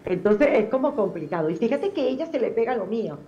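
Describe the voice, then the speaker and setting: A woman's voice: a little high, quick pace, muffled recording. A middle-aged woman with a Venezuelan accent tinged with Argentine sounds, chatting expressively as a guest in a TV interview. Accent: Venezuelan, with some Argentine touches. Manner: chatty and expressive, many fillers. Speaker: telenovela actress, guest.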